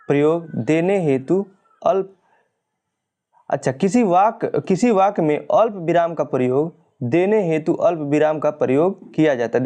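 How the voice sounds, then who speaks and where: In an exam-prep lesson, a man with a mellow, medium-pitched voice reads out questions and answers. He steadily explains every point and fixes errors in the printed text.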